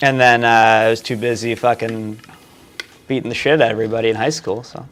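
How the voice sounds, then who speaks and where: A male comedian with a Boston accent, guesting on a live talk show with crude, deadpan one-liners. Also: mid-range voice, brisk, a little hiss or hum.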